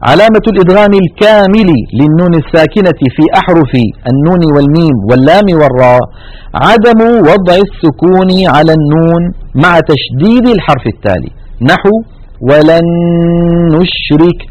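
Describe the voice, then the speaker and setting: A man giving a step-by-step lesson on Quran recitation rules, explaining each rule and then reciting its examples twice, slowly and drawn out. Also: fairly high pitch, expressive, a little mellow, poor audio.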